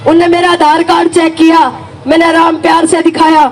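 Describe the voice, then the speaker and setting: Her pitch extremely high and her delivery flat at a normal speed, a middle-aged Haryanvi woman from Haryana, India, tells of joining the farmer protest she backs. She speaks emphatically in first person, her voice rising to shouts while retelling, on a rough recording.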